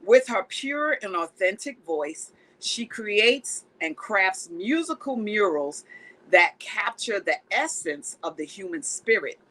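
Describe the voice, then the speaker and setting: A woman's voice: mid-range voice, sing-song, takes it slowly, bright, forceful tone, rough recording. A woman hosting a faith-based TV talk show, introducing and interviewing a guest with effusive praise.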